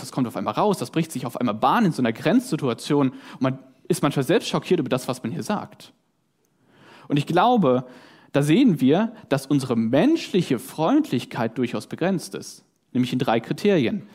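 Lively German-speaking preacher, man. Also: medium pitch, normal speed. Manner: lively, conversational, acts out voices in his examples; tag questions "ja?" and "ne?". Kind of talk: sermon.

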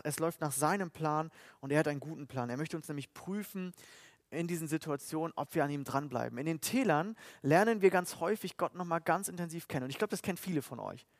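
A man preaching a sermon in German, earnest and emphatic, sometimes breaking into loud outbursts. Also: a little high, no room sound, clean studio sound. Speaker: pastor.

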